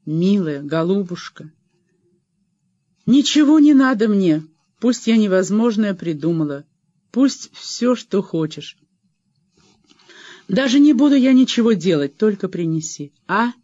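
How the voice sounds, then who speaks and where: A man's voice: sits high, big pitch swings, unhurried, mellow, no room sound, dull audio, pitched above the performer's own voice, exaggerated voice. Man voicing a desperate drunk woman. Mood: pleading. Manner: wheedling, tearful.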